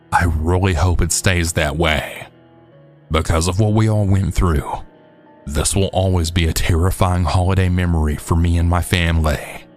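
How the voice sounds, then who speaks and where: A man narrating true scary stories in a steady, measured storytelling voice. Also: deep voice. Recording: faint background music.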